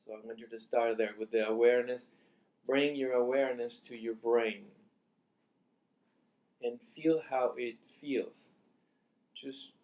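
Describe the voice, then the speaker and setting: A man with a mid-range voice guides listeners through meditation, his calm instructions delivered softly and deliberately. He uses short phrases and lets long pauses hang between them.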